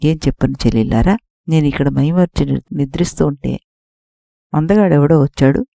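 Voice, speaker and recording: A woman's voice: sits low, fairly quick, vocal fry, mellow, no room sound, clean studio sound. A woman voicing a young princess grieving in shame, read as part of an audiobook story. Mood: anguished. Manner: grieving, self-reproaching.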